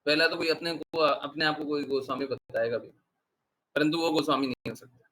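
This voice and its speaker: Male spiritual teacher, high bright voice, earnest lecturing tone with frequent rhetorical questions. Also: steady tone, fairly quick, poor audio. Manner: mixes English words into his speech. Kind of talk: devotional discourse.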